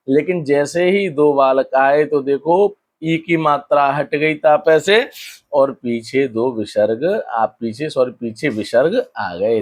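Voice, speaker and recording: A male teacher explaining a school lesson, asking questions and answering them himself, drawing out key words slowly. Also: fairly high pitch.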